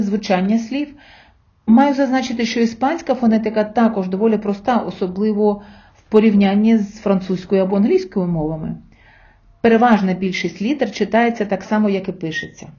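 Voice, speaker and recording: A woman's voice: mid-range voice, mellow. A woman teacher narrating a scripted language lesson, explaining patiently and asking rhetorical questions. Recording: slightly dull lo-fi sound.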